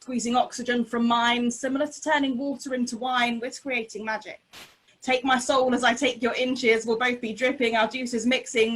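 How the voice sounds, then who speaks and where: A woman performs spoken-word poetry in a high voice that stays quite level in pitch. Her delivery is deliberate, rhythmic and intense, like a slam poet on stage at the mic. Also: a bit bright, poor audio. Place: remote online video call.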